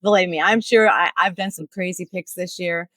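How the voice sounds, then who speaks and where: A woman's voice: fairly low pitch, moderate pace, fairly bright tone, no echo, rough recording. A middle-aged woman hosting a sports picks show, chatty and joking. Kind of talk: casual chat.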